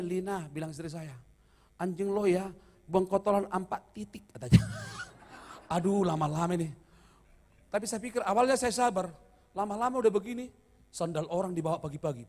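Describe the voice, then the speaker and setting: A man's voice: sits high, a little mellow. A middle-aged man preaching a sermon as pastor, mixing humorous stories with call-and-response to the congregation. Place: church hall. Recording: long church reverb.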